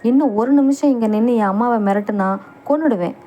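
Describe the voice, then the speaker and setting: A fierce, tearful young son in a spoken storybook, as a woman reader voices him. The voice sits fairly high and mellow, with little change from the reader's own. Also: a little fast, a little hiss or hum, natural voice. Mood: furious. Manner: emotional, pleading then raging.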